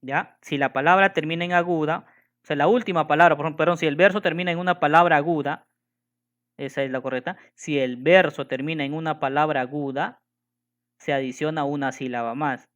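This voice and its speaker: A man teaches a lesson, his voice sitting a little high and sounding smooth and clear. He repeats each rule, counts syllables out one by one and keeps checking that his students follow. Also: fairly even intonation, fairly bright tone. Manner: patient, repeats and counts syllables slowly, asks "¿de acuerdo?". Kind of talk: classroom lesson on poetry.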